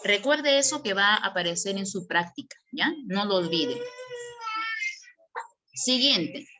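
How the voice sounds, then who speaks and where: A woman's voice: mid-range voice, expressive, a little slow, bright, forceful tone, a little hiss or hum. A woman giving an online language lesson as a teacher, asking and answering her own questions as she explains.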